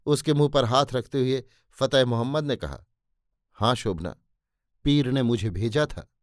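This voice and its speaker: A man's voice: mid-range voice, moderate pace, no room sound, studio quality. A man narrating a historical novel in Hindi as an audiobook, voicing the characters' dialogue with feeling. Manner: voices the characters' dialogue with emotion. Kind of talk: dramatic novel reading.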